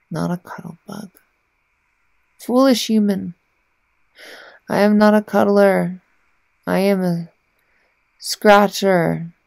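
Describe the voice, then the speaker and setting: Woman playing a creaky-voiced tsundere cat girl, ASMR role-play. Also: medium pitch, no echo. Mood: haughty denial. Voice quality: soft, breathy, with wet mouth sounds. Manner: haughty, halting, reluctant murmuring. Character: haughty, secretly affectionate tsundere cat girl.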